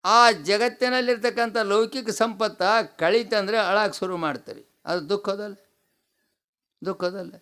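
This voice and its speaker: A man from North Karnataka, India, speaking with that region's Kannada accent, gives a devotional discourse as a swami, repeating key phrases and asking the audience rhetorical questions. His high voice is smooth yet sharp-toned and a little slow.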